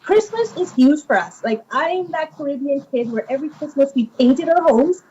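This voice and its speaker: A woman from Guyana, a children's author in her thirties, telling her stories in an animated conversational interview with many fillers. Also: high voice, moderate pace. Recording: muffled lo-fi with faint noise.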